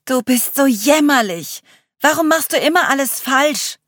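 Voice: medium pitch, lively intonation, normal speed, no room sound, clean studio sound, pitched above the performer's own voice, natural voice. A reader voicing Charlie, who speaks as a harsh, mocking inner voice in an audiobook. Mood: scornful. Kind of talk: audiobook reading.

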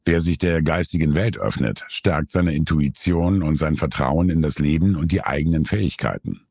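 A man reading a scripted nonfiction summary in a calm, measured way. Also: extremely low pitch, breathy edge, no room sound, studio quality. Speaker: narrator.

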